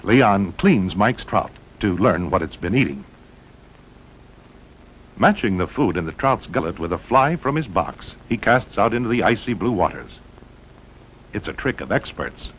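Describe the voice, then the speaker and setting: An American man narrates a 1960s promotional documentary film with drama and punchy short phrases, his voice animated and unhurried. The old film soundtrack is muffled and carries a rumbling noise.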